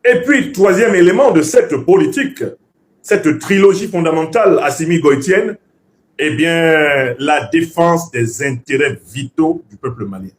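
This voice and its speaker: An animated, unhurried male political commentator whose first language was Bassa delivers an emphatic, professorial lecture in an orator's style, pushing points through repetition. His voice is somewhat high and ranges widely in pitch.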